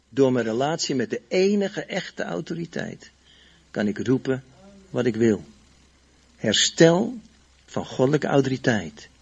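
A man's voice: medium pitch, vocal fry, breathy edge. A male pastor preaching emphatically and leading his congregation in prayer, stretching out key phrases. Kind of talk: sermon and prayer. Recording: dull, muffled sermon recording.

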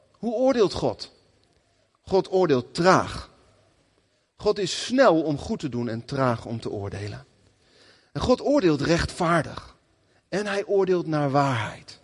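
A man preaching a sermon in a lively, conversational way, often acting out the people he quotes. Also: a little high, husky, in a large hall.

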